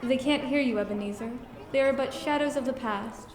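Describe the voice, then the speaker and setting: An actress playing a serene, gentle ghost of the past in an audio drama, calm and otherworldly in manner. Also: female voice, high-pitched, fairly quick, natural voice. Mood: calm, beckoning. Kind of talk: audio theater acting. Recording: long echoing reverb over loud music.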